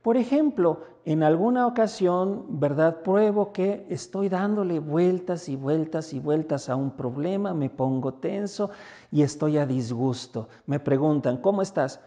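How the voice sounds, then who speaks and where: A man with a Mexican accent, a priest giving a spoken reflection message in a conversational manner, sometimes acting out everyday dialogues. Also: unhurried. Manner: conversational, acts out little everyday dialogues with lively pitch jumps. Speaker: priest and basilica rector.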